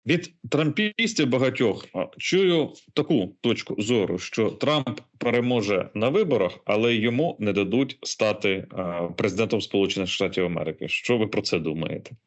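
Low-voiced formal male host. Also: lively intonation, moderate pace, few pauses. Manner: formal, polite questioning. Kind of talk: interview questions.

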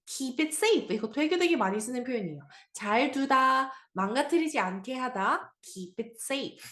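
A woman's voice: high voice, expressive, moderate pace, a bit bright, reverberant. A woman teaching an English reading lesson, patiently explaining and asking her listeners questions.

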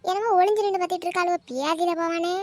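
A busybody cartoon aunty, as a woman puts her on, shrill and very high. She gossips in rapid bursts and hurls scolding curses at passers-by. Her nosiness never lets up. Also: fairly even intonation, dry recording. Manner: gossipy, loud scolding and cursing. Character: nosy scolding older neighborhood aunty. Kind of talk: cartoon voice acting.

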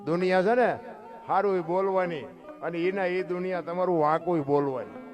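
A man's voice: high-pitched, normal speed, music in the background. A man telling devotional folk stories on stage in a folksy, emphatic way, with rhetorical questions and snatches of song. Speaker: folk storyteller. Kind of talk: devotional folk storytelling talk.

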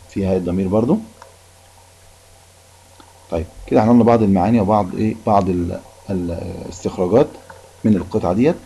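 A man with an Egyptian accent teaching an Arabic lesson, reading a passage and explaining it in colloquial speech, repeating each point slowly. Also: deep voice, dark tone, slightly rough. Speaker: primary school Arabic teacher. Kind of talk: recorded classroom lesson. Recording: dull lo-fi recording.

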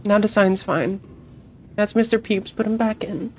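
A woman's voice: medium pitch, fairly even intonation, moderate pace, a little mellow, slight background noise. Blunt, foul-mouthed woman streamer. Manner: swears a lot, blunt and chatty. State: phlegmy morning voice. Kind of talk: casual gaming stream chat.

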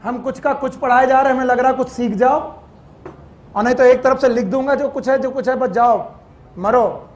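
A man's voice: very high-pitched, moderate pace. A man teaching biology to a class, quizzing students, scolding them and joking, with English terms mixed into his talk. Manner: mixes English terms into Hindi. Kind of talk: classroom lecture.

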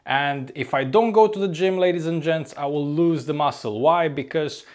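A little high and a little mellow, his slightly hoarse voice moves at normal speed as the upbeat young flight crew member vlogs to camera. He's in his apartment room on a lapel mic, chatty as ever and saying "ladies and gents."

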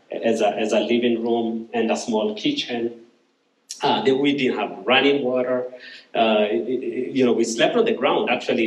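A man, giving an earnest testimony sermon from a church stage, often repeating words as he restarts. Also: medium pitch. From Kenya. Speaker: guest speaker. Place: church stage, large room. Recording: roomy church hall, somewhat distant.

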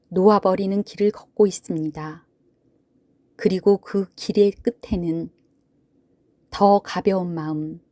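A woman gently narrating a sleep meditation in a soothing, hushed manner, with long pauses between phrases. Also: mid-range voice, no echo. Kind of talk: sleep story narration, guided Buddhist relaxation.

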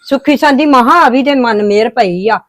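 Woman doing a homely older mom, welcoming, kinda high, dry close sound. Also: normal speed, no room sound, close to an everyday voice. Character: warm hospitable older mother and wife.

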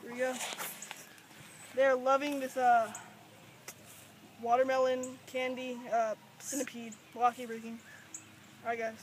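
High, flat-voiced joking young fisherman. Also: a little slow, long pauses, a little hiss or hum. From Georgia, US. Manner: joking, chatty, offhand. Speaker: vlog host. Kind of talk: casual fishing vlog. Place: outdoors by a pond.

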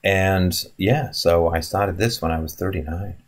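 Sitting in an indoor room before a wooden wall, a man in his fifties answers chat questions on a live stream in a low voice at an unhurried pace. His talk is casual and rambling, full of musing, fillers, and restarts.

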